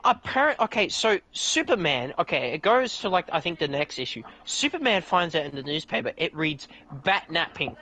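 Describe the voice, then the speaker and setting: A man's voice: normal speed, low-quality recording. A man hosting a podcast, telling a rambling story in casual chat, swearing a lot and restarting his sentences. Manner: excitable, profane storytelling with restarts; leaps to much higher pitch when outraged. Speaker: podcast host.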